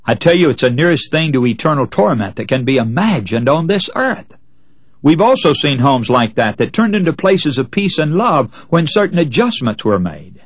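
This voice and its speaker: A male preacher delivers an earnest, folksy sermon and addresses his listeners as friends. His voice is a little husky, and his pitch rises and falls with lively emphasis. The sound is dry and close. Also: normal speed, dry recording. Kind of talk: radio sermon with illustrative stories.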